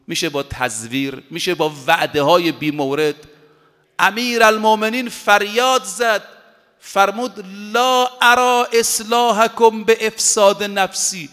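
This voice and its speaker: A man preaching a sermon in an emphatic manner, slowing down to recite Arabic quotations with deliberate weight. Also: fairly high pitch, bright, forceful tone. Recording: long hall reverb.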